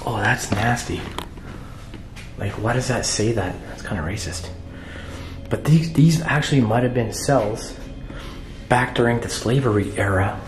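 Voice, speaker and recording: Exploring empty cells and corridors of an old jail said to be haunted, this vlogger in his thirties speaks in a medium pitch at a measured pace, leaving long pauses as he exclaims and reacts nervously. He films on a handheld camera at arm's length, and the bare indoor rooms echo over music, with slight background noise.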